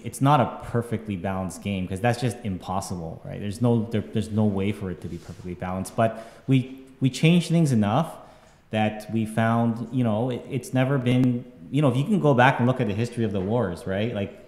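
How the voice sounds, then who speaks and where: A man's voice: fairly low pitch, moderate pace, darkish tone. A man, a game developer on a live stream, talking casually and rambling with lots of fillers and tag questions. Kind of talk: casual panel chat. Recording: echoey room with long reverb.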